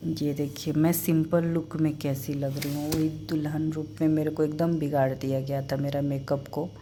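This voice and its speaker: Soft, low-voiced woman showing photos. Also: little pitch movement, a little hiss or hum. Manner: soft-spoken, halting and emotional. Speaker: vlogger. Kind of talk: casual vlog chat showing a wedding album.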